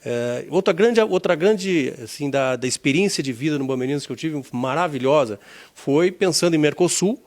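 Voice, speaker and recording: An insurance executive in his sixties from southern Brazil, speaking with a Gaúcho Brazilian Portuguese accent, recalls his career in an interview. His voice is a little high and animated, yet measured, and he repeats words while searching for them.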